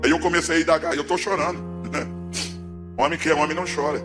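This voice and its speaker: A man from Pernambuco, giving a dramatic testimony sermon in a church, swinging between hushed and shouting. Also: fairly high pitch, steady tone, a little fast, music in the background. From Pernambuco, Brazil.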